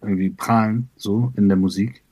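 A man from Iran, a rapper being interviewed, talking reflectively with many pauses, fillers and repeated words. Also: lowish voice, steady tone, darkish tone, slightly rough. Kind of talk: conversational interview.

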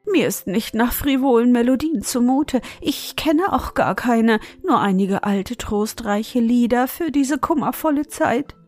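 A woman's voice: sits high, unhurried, a little mellow, faint music behind, voice pushed up. A woman voicing a whiny, hungry female mouse who pleads and wails in a storybook reading. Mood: pleading. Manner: wailing, pleading and sobbing.

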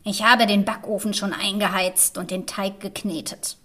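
A man voicing a wicked old witch who eats children, with a high cackling, mocking voice in a fairy tale reading. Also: flat delivery, normal speed, bright, forceful tone. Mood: cackling, spiteful.

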